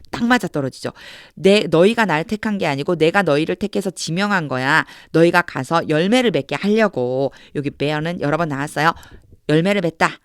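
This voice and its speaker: A woman teaching English grammar through Bible verses, explaining each step patiently and reading the English phrases slowly. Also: deep voice, no echo, clean studio sound.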